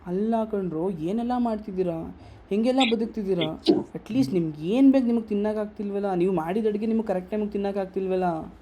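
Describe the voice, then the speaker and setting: A young man with a Kannada accent speaks to a workshop audience, firing rhetorical questions and scolding them. His voice sits a little high but stays soft and mellow. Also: quick pace, slight background noise. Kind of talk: motivational workshop talk.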